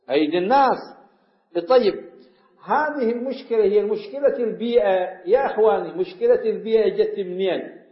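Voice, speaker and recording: Male preacher, high voice, dynamic storytelling, in a roomy lo-fi recording. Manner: storytelling, dropping to hushed tones and rising in emphasis. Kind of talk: sermon. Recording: echoey, dull lo-fi recording.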